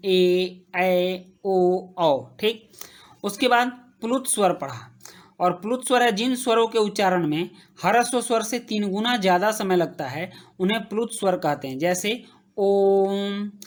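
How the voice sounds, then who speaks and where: A woman teaching a grammar lesson, slowly repeating each term as she writes and checking in with her students. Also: medium pitch. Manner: slow, repeats terms while writing, checks in with "ठीक".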